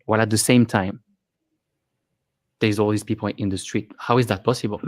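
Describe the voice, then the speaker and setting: Man from Switzerland, interview guest, fairly low voice, loose animated storytelling, dry sound. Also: brisk, no room sound. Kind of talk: casual interview talk.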